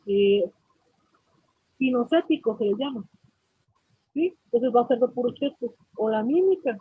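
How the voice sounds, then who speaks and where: A Mexican woman teaching a class, pausing often to ask her students whether it is clear. Her voice sits fairly high and is very husky and breathy. It comes through a dry, tinny, phone-like line. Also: no echo. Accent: Mexican Spanish. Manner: explanatory, asks students frequent check-in questions. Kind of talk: online class lecture.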